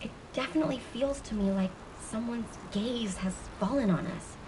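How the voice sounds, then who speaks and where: A woman's voice: a little high, normal speed, close to an everyday voice. A woman voicing a serious, watchful soldier with water powers in a video game. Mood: wary, serious. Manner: serious, careful. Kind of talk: voiced game dialogue. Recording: distant, noisy with ambience behind.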